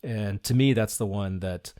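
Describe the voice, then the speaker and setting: A man's voice: on the low side, unhurried, mellow, no room sound, studio quality. A middle-aged man speaking earnestly and reflectively in a conversational interview, now and then laughing lightly as he talks. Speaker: podcast guest, design leader.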